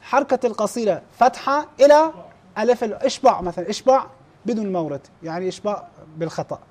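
A man with a very high-pitched voice leads a classroom lesson on recitation. He explains how errors are graded in a plain teaching manner. He often restarts words and clears his throat. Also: darkish tone. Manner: explains scoring plainly, slows down to demonstrate recited verses.

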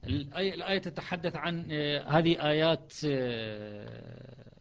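A man's voice: a little high, normal speed, creaky, lo-fi sound. A man teaching a classroom lesson on Quran recitations, explaining step by step, repeating words and checking that his students follow.

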